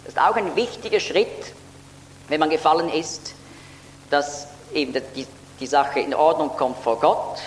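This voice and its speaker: A man's voice: a little high, expressive, a little slow. Man preaching in an echoey hall. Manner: earnest, explanatory, lifts his voice on key words. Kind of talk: Bible teaching sermon. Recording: echoey hall with faint hum.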